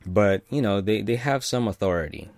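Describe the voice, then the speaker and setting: A man with a very low voice tells an anecdote in a relaxed, rambling way, full of fillers and little chuckles. The sound is dry and close, with no room around it. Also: normal speed, dry recording. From California. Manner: rambling, many fillers and restarts, chuckles often. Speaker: storyteller. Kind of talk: casual personal anecdote.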